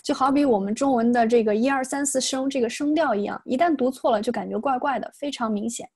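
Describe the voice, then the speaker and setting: A woman teaching English pronunciation for an exam, patiently repeating words slowly to drill them. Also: high voice, a little mellow, slightly rough. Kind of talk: exam prep lesson, explaining in Chinese.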